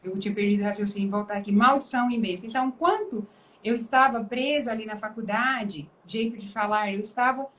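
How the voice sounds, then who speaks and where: A woman's voice: mid-range voice, fast talker, poor audio. A woman pastor with a Brazilian Portuguese accent, giving an emphatic testimony and preaching in a live conversation. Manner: emphatic, dramatic testimony with lively quoted voices. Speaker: pastor and guest.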